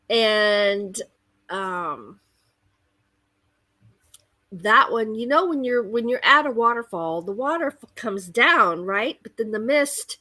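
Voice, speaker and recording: Female host, casual livestream chat, expressive and unhurried, bright tone in a dry close sound. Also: medium pitch, no room sound. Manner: expressive, rambling storyteller. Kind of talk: casual chatty livestream monologue.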